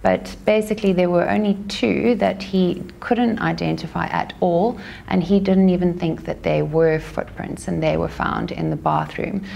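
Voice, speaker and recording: A South African woman, a lawyer, giving a measured, careful recap of a day in court. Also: fairly low pitch, steady tone, vocal fry, warm tone. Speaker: legal commentator. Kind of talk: courtroom news commentary.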